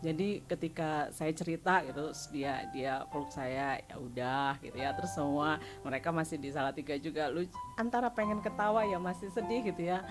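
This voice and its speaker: A woman's voice: low voice, a little fast, music in the background. A chatty middle-aged woman giving a personal testimony at a church service, laughing often and filling her talk with small tags. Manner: chatty, laughs often while telling stories; many fillers like "gitu ya".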